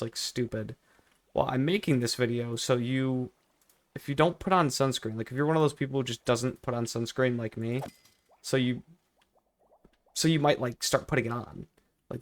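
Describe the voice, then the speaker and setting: A young man telling a personal story in a casual vlog style, rambling and repeating himself with emphatic, exaggerated complaint. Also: mid-range voice. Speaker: video creator.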